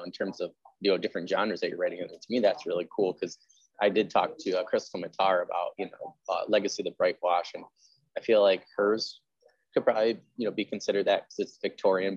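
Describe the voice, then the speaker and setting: A man with a low, slightly rough voice hosts a casual interview about genre fiction, rambling and peppering his talk with "like" and "you know." He is an interviewer and host who also teaches history. The lo-fi recording has no room sound.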